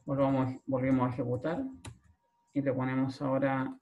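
A man's voice: mid-range voice, little pitch movement, normal speed, dull audio. A male programming lecturer with a Chilean accent, explaining step by step and checking in with a frequent "¿ya?". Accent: Chilean Spanish. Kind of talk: recorded screen-share class.

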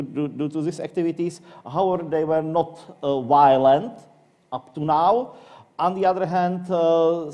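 A man from the Czech Republic with a Czech accent, presenting as an academic panelist in English. His delivery is halting, with frequent fillers and repeated words. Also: mid-range voice, dark tone.

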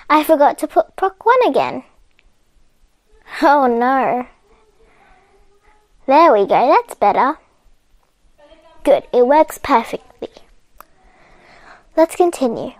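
Here a coding tutorial host guides viewers through a coding puzzle game step by step, speaking slowly and pausing often. Her high voice carries lively intonation, and she stays chatty and patient, chuckling at her own errors. The recording is dry.

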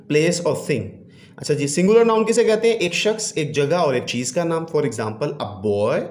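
A man with a fairly high voice leads a classroom English lesson. He reads each English line slowly, then explains it briskly, often asking "जी". The sound is echoey and roomy. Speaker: teacher. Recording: echoey room.

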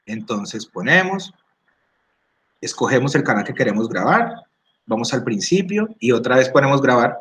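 A man giving a casual screen-recorded app tutorial, explaining step by step, often checking in and clearing his throat. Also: medium pitch, big pitch swings, normal speed, a bit bright. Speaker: workshop instructor. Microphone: computer or phone microphone.

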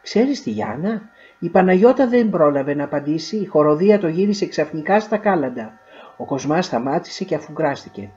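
A woman narrating a literary short story in a measured, expressive way. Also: deep voice, lo-fi sound.

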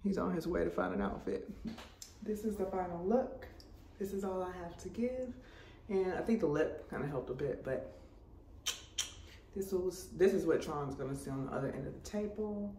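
A woman's voice: fairly low pitch, moderate pace, warm tone, a little hiss or hum. A woman in her thirties chatting casually to camera in a family vlog, talking to viewers like friends. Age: 30s. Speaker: vlogger, mom and doctor. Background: background music.

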